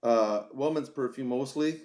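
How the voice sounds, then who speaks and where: A man's voice: medium pitch, unhurried, a crowd in the background. A man from Canada hosting a casual podcast, rambling with many restarts. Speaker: podcast host and trapper. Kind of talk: casual chat.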